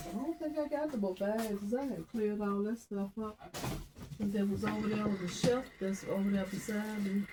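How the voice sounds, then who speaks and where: A woman's voice: medium pitch, a little mellow, a little hiss or hum. An older woman, rambling casually to her viewers in a crafting vlog as she sorts through her supplies. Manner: rambling, talking to herself while sorting crafts. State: stuffy nose. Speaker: crafting vlogger.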